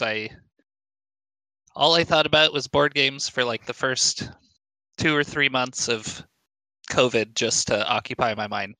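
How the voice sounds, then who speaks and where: Bright-voiced young man chatting casually. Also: medium pitch, dry recording, poor audio. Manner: relaxed, rambling with frequent restarts. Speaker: podcast co-host. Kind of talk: casual chat.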